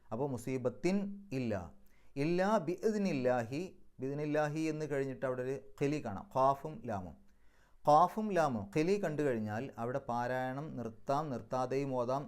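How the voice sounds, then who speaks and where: A man explaining Quran recitation rules, going step by step and chanting the Arabic words slower and louder. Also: mid-range voice. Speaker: Quran teacher.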